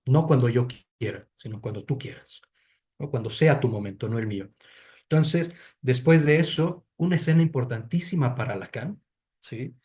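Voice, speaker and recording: A man's voice: mid-range voice, expressive, moderate pace, darkish tone. A man giving an explanatory lecture to a study group, thinking aloud with frequent restarts and checking in with tag questions. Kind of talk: explanatory lecture on a literary reading.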